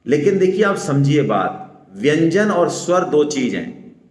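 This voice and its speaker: A man's voice: fairly high pitch, big pitch swings, a little mellow. A man with a Rajasthani Hindi accent gives a Gita seminar talk, explaining patiently and often checking "है ना?" with his listeners. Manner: explanatory, stresses syllables slowly, asks "है ना?" often. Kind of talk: religious discourse to a seminar audience. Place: seminar hall. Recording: echoey hall with long reverb.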